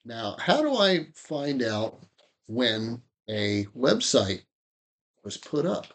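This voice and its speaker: A man's voice: mid-range voice, sing-song, takes it slowly, fairly bright tone. A man hosting an interview, casually restating points and asking folksy follow-up questions. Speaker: interviewer host. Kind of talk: conversational podcast interview.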